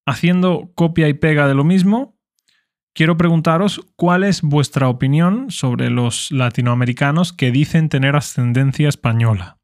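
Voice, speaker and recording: A man from Spain with a Spanish accent, reading listener questions aloud and answering them in a clear, explanatory way. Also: fairly high pitch, moderate pace, dry recording, clean studio sound. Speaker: Spanish teacher podcast host.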